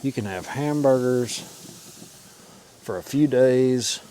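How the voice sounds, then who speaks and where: A man's voice: mid-range voice, slow, mellow. A man hosting a home cooking vlog, talking to the camera in a casual, folksy, informal way as he cooks. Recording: clear sizzling and frying noise. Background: food sizzling on a grill.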